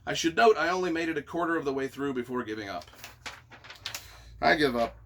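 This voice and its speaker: A man with a slightly high, fairly bright voice reads reviews aloud quickly and expressively, answering them off the cuff as if he wrote them. His delivery is theatrical and emphatic, full of mock exasperation.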